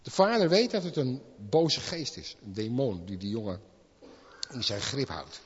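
Impassioned preacher in a reverberant hall. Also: male voice, medium pitch, big pitch swings, measured pace, highs cut off, slight background noise. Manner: impassioned, rising to loud exclamations. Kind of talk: sermon. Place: church hall.

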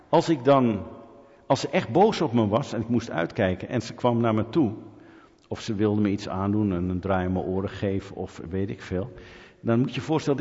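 Middle-aged guy preaching, animated, jumps loud sometimes, muffled recording w/ long hall echo. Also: on the low side. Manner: animated storytelling with sudden loud peaks. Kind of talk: sermon. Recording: dull audio with long hall reverb.

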